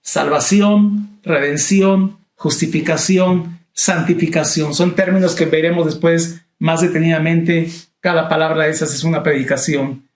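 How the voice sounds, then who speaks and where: A man's voice: a little high, flat delivery, normal speed. Emphatic preacher man, echoey room. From Latin America. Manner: repetitive, emphatic, addresses listener as brother. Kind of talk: Bible study sermon.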